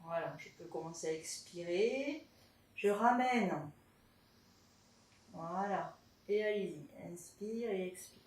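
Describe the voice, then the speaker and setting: A woman's voice: fairly low pitch, slow pace, pauses often, a little mellow, recorded from a distance. A woman teaching a pilates class at home, chatty and encouraging as she guides the moves. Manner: chatty and encouraging, tags lines with "hein". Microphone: camera in front of her. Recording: echoey room, voice from afar.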